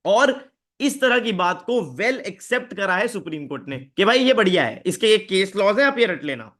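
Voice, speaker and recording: High-pitched young guy teaching exam prep online, chatty, keeps asking students yes or no. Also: big pitch swings, normal speed, fairly bright tone. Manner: conversational Hinglish teaching, asks students questions. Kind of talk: live online lecture.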